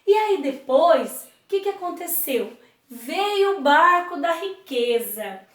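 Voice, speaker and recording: A woman teacher giving an online lesson to children, telling a story gently. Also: very high-pitched, big pitch swings, slow pace, reverberant, recorded from a distance.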